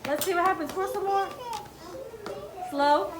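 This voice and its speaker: Speaking at a measured pace in a very high-pitched voice, a woman runs a hands-on demonstration for young children, offering brief, repeated instructions and plenty of encouragement. The classroom sounds roomy and noisy, with a group of children chattering.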